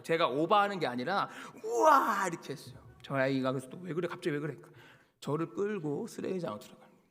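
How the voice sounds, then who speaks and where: A bright-voiced man in his thirties preaches a sermon in a church sanctuary, his sound carrying a long hall reverb. He moves from quiet, close storytelling to loud, high, emphatic pleading. His voice sits a little above the usual range for men. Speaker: pastor.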